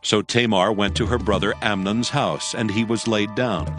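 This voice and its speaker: A man narrates a dramatized Bible in a fairly low voice. His delivery is measured and solemn. Faint music sits behind the reading. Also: fairly even intonation, fairly bright tone. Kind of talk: scripted scripture narration.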